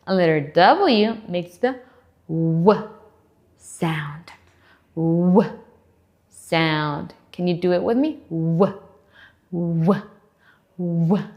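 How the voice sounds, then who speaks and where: A woman teaching English letter sounds to young children, sounding each one out slowly and with exaggeration, and inviting them to repeat after her. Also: a little high. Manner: encouraging, asks children to repeat. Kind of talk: children's phonics lesson.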